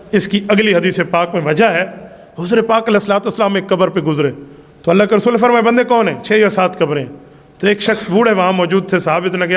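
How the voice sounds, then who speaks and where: A man's voice: high voice, a bit bright, long reverb tail. A man preaching a sermon, reciting Arabic hadith and explaining them emphatically with rhetorical questions. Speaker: Islamic preacher.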